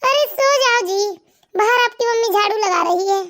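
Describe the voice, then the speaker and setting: A woman voicing a fed-up young daughter-in-law in an animated family cartoon, answering back bluntly. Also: very high-pitched, moderate pace. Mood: defiant. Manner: blunt, defiant retorts.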